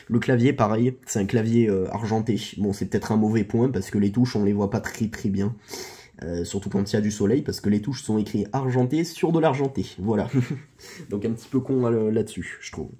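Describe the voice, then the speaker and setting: A man's voice: fairly low pitch, dark tone, breathy edge. A man giving a casual laptop review, talking informally with many hesitations, fillers and restarts, and the odd joke. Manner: chatty, informal, joking. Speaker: tech reviewer.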